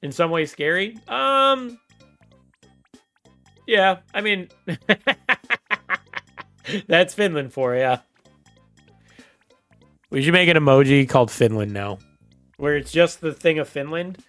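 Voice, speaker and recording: A man's voice: a little high, big pitch swings, takes it slowly, long pauses, a bit bright, clear, resonant tone, soft background music. A man streaming a game and chatting casually with his viewers, rambling and laughing often. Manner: rambling, laughs often, talks straight to chat. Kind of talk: casual livestream chat.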